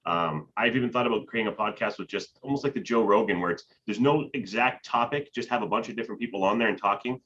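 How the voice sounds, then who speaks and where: A man's voice: on the low side, fast talker, hardly any pauses, a bit bright, muffled recording. A man chatting casually in a business video call, rambling with frequent restarts and laughs. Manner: rambling, talks with his hands, laughs often. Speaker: business owner.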